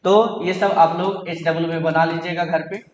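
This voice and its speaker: High-voiced man teaching grammar in an echoey hall. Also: level tone, normal speed, highs cut off. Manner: asks questions and answers them himself, repetitive drilling. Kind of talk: classroom grammar lesson in Hindi. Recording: echoey hall, roomy reverb.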